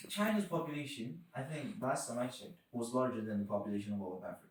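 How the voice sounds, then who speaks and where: A young man co-hosts a podcast in relaxed, slang-heavy chat. His voice sits in a middle pitch, and the room around him rings with noticeable echo. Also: fast talker, noisy background. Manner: slangy, laid-back, drops into quoted voices. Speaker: podcast co-host. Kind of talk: casual chat. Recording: echoey room.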